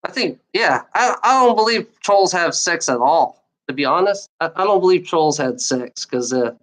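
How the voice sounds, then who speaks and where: Her voice sits fairly low and is expressive, delivered at an ordinary pace. The woman is a streamer who stutters, venting at the trolls in her chat through a repetitive, wandering rant where she keeps restarting phrases and using profanity.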